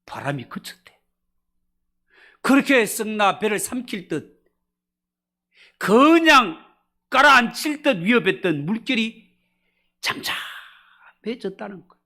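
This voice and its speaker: A male pastor delivering an expository sermon at a church evening service, swinging between loud emphasis and hushed drops. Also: sits high, sing-song, unhurried, pauses often.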